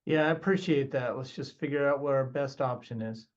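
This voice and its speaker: A man's voice: medium pitch, fairly quick, highs cut off, close to an everyday voice. A man role-playing a reluctant male condo owner who wants to put off a deadline, talking hesitantly before he comes around. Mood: resigned.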